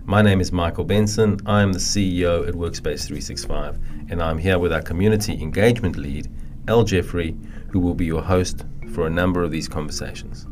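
Man, very deep voice, formal scripted welcome, faint music behind. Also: fairly even intonation, a little fast, darkish tone. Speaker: CEO introducing the series. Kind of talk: scripted introduction.

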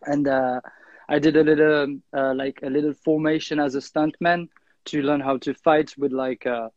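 A man's voice: a little high, steady tone, normal speed, darkish tone, dry recording, dull audio. Chatty young Swiss man. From Switzerland. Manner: chatty, many fillers and restarts. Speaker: guest, freerunner and kendama player. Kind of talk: casual interview.

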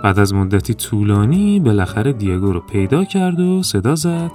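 A man narrating a children's story in a calm, even storytelling manner. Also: fairly low pitch, soft background music.

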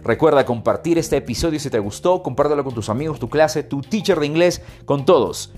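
Man, podcast english lesson, lively swooping pitch, dramatic demonstrations, soft guitar underneath. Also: a little fast. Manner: expressive, demonstrates intonation with sung and dramatic readings. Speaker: English teacher and podcast host.

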